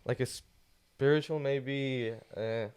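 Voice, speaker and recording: A man's voice: medium pitch, steady tone, slow, a little mellow, clean tone. A teenage man from Poland with a Polish accent, a guest speaking in casual podcast chat who searches for words with many fillers. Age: teens. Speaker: guest, student youth leader.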